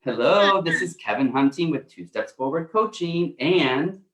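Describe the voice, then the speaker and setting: A man's voice: fairly high pitch, animated, a little slow, a bit bright. Rambling male coach in an echoey room. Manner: rambling, loose, lots of fillers. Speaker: co-host, life coach. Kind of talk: casual livestream chat. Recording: roomy echo.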